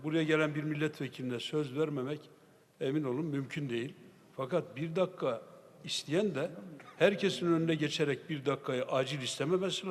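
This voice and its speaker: Man presiding over parliament, stern, calls for order; slightly high voice, long hall reverb. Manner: admonishing, often raises voice. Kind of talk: chairing a parliamentary session. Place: parliament general assembly hall. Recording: long reverb of a large chamber.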